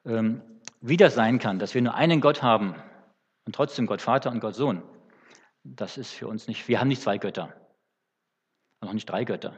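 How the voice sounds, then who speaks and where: Husky male preacher, halting teaching sermon, booming church reverb, muffled lo-fi sound. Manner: unscripted, halting with fillers and restarts. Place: church hall.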